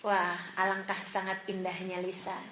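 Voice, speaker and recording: A woman's voice: medium pitch, completely flat delivery, moderate pace, fairly bright tone, a little hiss or hum. A woman religious teacher giving a sermon to women, telling stories, acting out the people in them and laughing often. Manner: storytelling, acts out quoted voices, laughs often.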